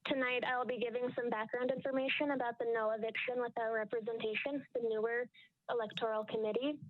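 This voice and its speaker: A woman calling in over a phone line, reading a prepared statement in a steady, measured way. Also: on the high side, slight background noise. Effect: heard over a phone line. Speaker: caller giving public comment. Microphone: telephone. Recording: tinny, clipped phone line.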